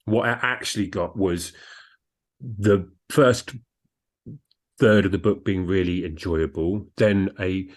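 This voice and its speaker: Slow and deep-voiced, this man co-hosts a book review podcast. He discusses books casually, doesn't soften his opinions, and at times reads reviews out loud.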